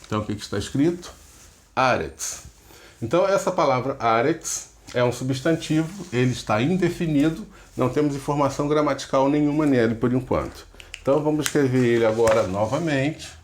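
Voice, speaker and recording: A man's voice: mid-range voice, a little fast, darkish tone, slight background noise. Patient man teaching step by step. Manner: patient, explains step by step, checks in with "ok?" and "tá?". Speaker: pastor teaching biblical Hebrew. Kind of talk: recorded online lesson.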